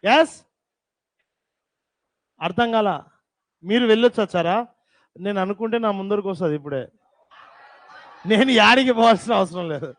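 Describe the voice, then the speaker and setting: A man teaching a class, dictating terms slowly and repeating them, with teasing scolds, in a classroom. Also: high-pitched, a bit bright, dry recording.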